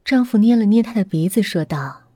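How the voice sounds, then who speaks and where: Female horror storyteller, breathy, dry close mic, faint music under. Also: mid-range voice, animated, no echo. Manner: dramatic, slowing and hushing at tense moments. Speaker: storyteller host. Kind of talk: horror audiobook narration.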